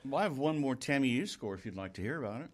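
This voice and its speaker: A man's voice: mid-range voice, animated, very fast. A man co-hosting a live-stream talk show, dropping dry, matter-of-fact quips in casual chat. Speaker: co-host.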